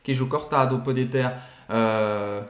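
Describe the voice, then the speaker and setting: Guy repeating words slow so you get them, kinda high voice, echoey. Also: expressive. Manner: repeats words slowly for pronunciation. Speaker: French co-teacher. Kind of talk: pronunciation coaching in Portuguese.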